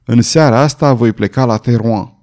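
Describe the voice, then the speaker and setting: A man's voice: medium pitch, a little mellow, close to an everyday voice. A proud grieving young noblewoman, voiced by a man. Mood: resolute.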